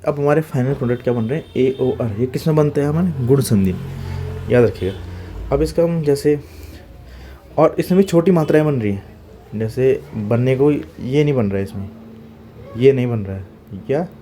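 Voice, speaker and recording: A man's voice: medium pitch, moderate pace, warm tone, a little hiss or hum. A male teacher giving an exam-prep grammar lecture, spelling out sounds one by one and asking questions that he answers himself. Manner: checks in with "okay?" after each point.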